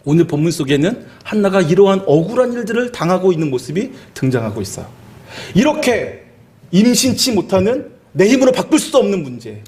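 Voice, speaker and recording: A man's voice: high-pitched, a little fast. A male pastor preaching a sermon, telling the story vividly and asking the listeners questions. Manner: animated storytelling, dramatizing quoted speech; asks the listeners rhetorical questions.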